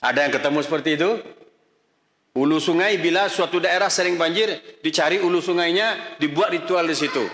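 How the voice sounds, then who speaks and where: Speaking a little fast in a fairly bright voice on the high side, a middle-aged Islamic preacher delivers a religious lecture. He is emphatic and scolding, packs his talk with rhetorical questions, and the recording carries echoey hall reverb.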